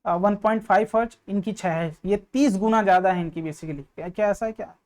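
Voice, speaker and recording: A man's voice: sits high, a little fast. A man teaching physics in an online exam-prep lesson, explaining step by step, often checking whether students follow and mixing in English terms. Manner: mixes in English terms and phrases.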